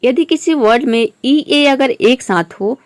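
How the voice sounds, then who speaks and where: A woman's voice: sits high, measured pace. A woman teaching English pronunciation over slides, patiently repeating each word and giving its meaning.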